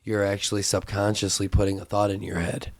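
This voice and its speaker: A man's voice: on the low side, little pitch movement, fairly quick, no echo. A man co-hosting a discussion podcast, eagerly agreeing and jumping in. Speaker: podcast co-host. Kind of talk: casual discussion.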